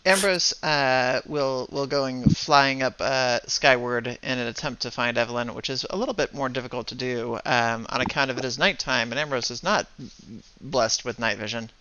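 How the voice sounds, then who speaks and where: A man narrating a tabletop game as game master, with halting delivery and many fillers. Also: mid-range voice, bright, forceful tone, clean tone, lo-fi sound.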